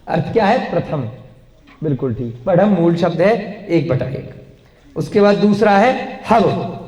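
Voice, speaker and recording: A man's voice: high-pitched, a little mellow. A male teacher giving a grammar lesson to a class, patiently putting questions to his students and dictating what they should write. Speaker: language teacher. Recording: long classroom reverb.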